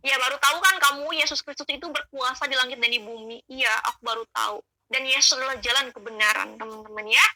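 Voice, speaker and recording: A woman's voice: high-pitched, steady tone, fast, pushed and bright, no room sound, rough recording. A woman giving an earnest, emotional spoken testimony of her conversion, addressing listeners as friends.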